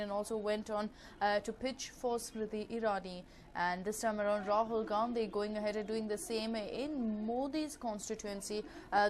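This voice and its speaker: Indian-accented woman reporting news over clear noise. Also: mid-range voice. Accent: Indian English. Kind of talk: live news commentary. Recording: clearly noisy live broadcast ambience.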